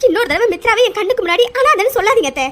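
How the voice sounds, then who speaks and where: A woman's voice: extremely high pitch, lively intonation, rapid-fire, fairly bright tone. A woman voicing a protective middle-aged mother in a cartoon serial, firm and defiant. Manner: firm, pleading then defiant.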